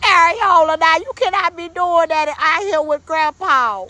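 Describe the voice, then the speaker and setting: A woman's voice: extremely high pitch, unhurried, bright, forceful tone, heavily acted. Woman playing a scolding grandma. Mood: sorrowful. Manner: scolding, cries and calls on the Lord. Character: fussy churchgoing old grandma.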